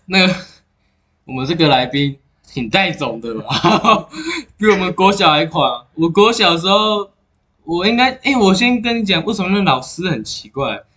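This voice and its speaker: Young man, bright high voice, chatty co-host. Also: expressive, moderate pace. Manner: chatty, laughs while ranting. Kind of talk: casual chat.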